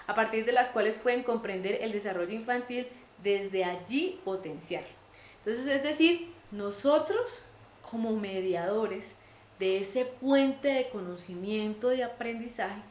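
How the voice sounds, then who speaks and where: Woman, higher voice, patient lecturing tone, echoey room. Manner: patient, repeats points in simpler words. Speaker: teacher trainer. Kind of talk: explanatory lecture.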